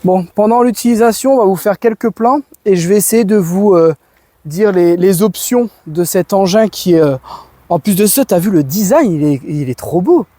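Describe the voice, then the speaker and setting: He's a French home and garden vlogger with a high, warm voice at a moderate pace, captured in a dry recording. Out in his garden, he gives a casual, keen product demo loaded with slang.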